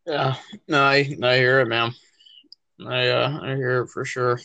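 A man's voice: mid-range voice, level tone, measured pace, sharp tone, dull audio. A man hosts a casual interview, offering short easygoing agreement and simple follow-up questions. His voice sounds close and dry, with no room echo. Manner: brief, easygoing affirmations and questions.

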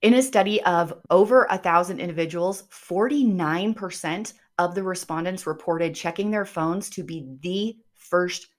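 Woman, slightly low voice, upbeat tidy advice-vlogger delivery, show host, direct address, emphatic short phrases. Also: moderate pace, few pauses. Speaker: host of a self-improvement show. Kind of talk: scripted advice monologue to listeners.

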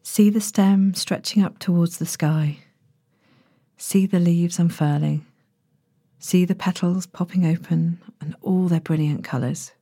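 A woman narrating a sleep story as a guided relaxation, in a gentle, hushed and breathy manner with long pauses. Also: on the low side, steady tone, no room sound, clean studio sound. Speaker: podcast host, sleep meditation narrator.

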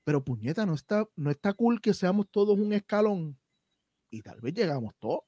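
A man's voice: high-pitched, big pitch swings, brisk, dark tone, dry recording, clean studio sound. A man from Puerto Rico with a Puerto Rican accent, hosting a podcast and talking passionately with frequent swearing. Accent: Puerto Rican Spanish. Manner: passionate, emphatic, swears freely. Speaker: podcast host. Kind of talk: casual podcast conversation.

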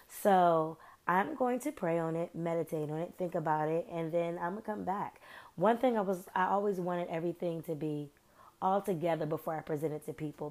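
A woman with a lowish, darkish voice runs a chatty solo podcast full of slang and meandering tangents. Her sound shifts a bit because she's recovering from sinus problems.

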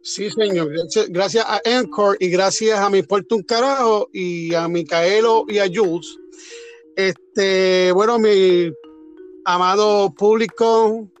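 A man hosting a casual podcast, halting and repeating words. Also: sits high, steady tone, faint music behind. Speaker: podcast host.

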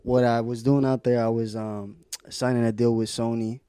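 A man with a mellow, warm voice at a middle pitch and a New York Puerto Rican accent. He is a podcast guest chatting casually, slipping between two languages in laid-back slang. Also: flat delivery, moderate pace, clean tone, dry recording, clean studio sound. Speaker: podcast guest, reggaeton artist. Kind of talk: casual chat.

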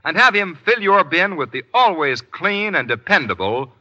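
A man's voice: sits high, sing-song, normal speed, dull audio. A man announcing in an emphatic, formal old-time radio style, reading a scripted introduction on an old broadcast.

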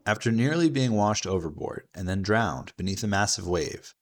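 A man delivering scripted, measured documentary narration. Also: lowish voice, creaky.

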